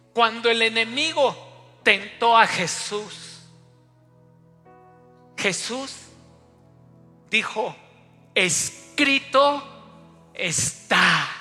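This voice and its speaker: A man's voice: very high voice, sharp tone. A man, preaching a sermon as pastor and telling a story straight to the congregation. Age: 50s. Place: church hall. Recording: long church hall reverb, faint music.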